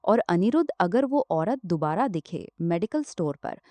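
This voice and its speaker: A greedy older father figure who soothes the family in a slow, placating drawl, as a woman narrator puts him on. The tone is low and mellow, recorded dry and close. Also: very animated, dry recording.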